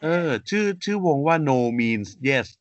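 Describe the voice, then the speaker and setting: A man co-hosting a relaxed podcast walks through facts at a steady pace, padding them with hesitant fillers and polite endings. His voice sits in a middle pitch, and the audio is dry and a little dull and muffled. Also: takes it slowly, clean tone, no room sound. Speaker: podcast co-host. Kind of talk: casual podcast chat.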